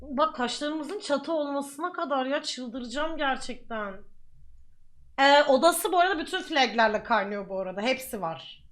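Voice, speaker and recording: Young woman streamer reacting, chatty and exclamatory, high voice. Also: lively intonation, moderate pace, a bit bright. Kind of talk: live-stream reaction commentary.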